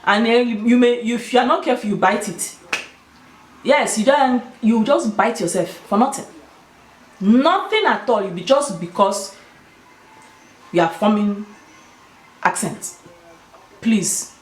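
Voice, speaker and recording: A woman's voice: medium pitch, a little hiss or hum. A woman with a Nigerian Igbo accent talking casually and emphatically to her viewers, giving her opinions. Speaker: video host. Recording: roomy, echoing sound.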